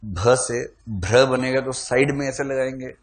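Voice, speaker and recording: A man's voice: medium pitch, unhurried. Man, teacher, classroom lecture, quizzing students, playful, teasing. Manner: quizzes the class, asks for shows of hands.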